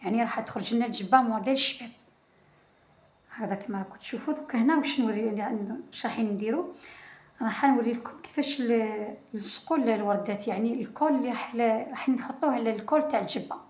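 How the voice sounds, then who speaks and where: A woman with an Algerian Arabic accent explains crochet steps as she works, often restarting a phrase or counting aloud. She talks quickly and casually. The recording sounds roomy and a little dull. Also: on the high side, darkish tone. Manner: talks while working, many restarts and counting. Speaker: crochet channel host.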